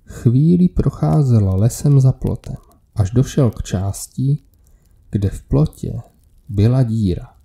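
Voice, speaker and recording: A man narrates a scripted creepy story in a steady, measured way. His voice is deep in tone, very dark and mellow. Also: creaky.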